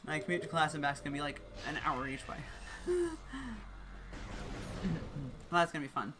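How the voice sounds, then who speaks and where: A young man streaming a video game, chatting casually and rambling between moves, often clearing his throat. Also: a little high, steady tone, moderate pace, background noise. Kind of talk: casual chat while gaming.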